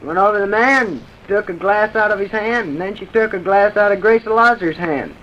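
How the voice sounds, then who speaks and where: In an old-time radio drama, a performer plays an earnest, respectful twelve-year-old boy who speaks plainly. The mid-range voice is natural, a bit bright, and a little fast, heard through a dull, noisy vintage radio recording.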